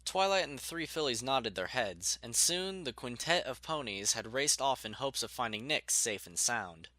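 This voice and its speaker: A man with a mid-range voice narrates a scripted story at normal speed, using an expressive storytelling manner.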